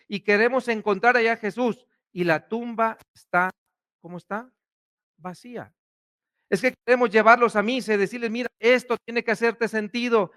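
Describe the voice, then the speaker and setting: A man, a priest preaching a sermon, asking questions and swinging between loud and hushed delivery. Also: sits high, smooth.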